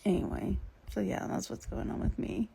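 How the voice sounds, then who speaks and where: A woman's voice: mid-range voice, big pitch swings, normal speed, vocal fry, mellow, husky, low-quality recording. A woman caring for her father tells a story in a casual vlog, often dropping to a whisper and laughing as she talks. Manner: often drops to a whisper, laughs through the telling. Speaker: family caregiver for her father.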